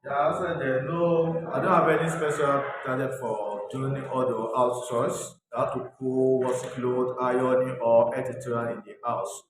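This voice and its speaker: A man's voice: mid-range voice, flat delivery, moderate pace, few pauses. A Nigerian man earnestly telling his life story as an interview guest, speaking plainly. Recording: echoey room, distant mic, crowd noise.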